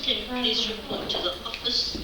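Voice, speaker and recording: A woman making school announcements over a loudspeaker, formal and pausing now and then to rephrase. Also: a little high, steady tone. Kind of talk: public address announcement. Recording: echoey loudspeaker heard from far off, noisy.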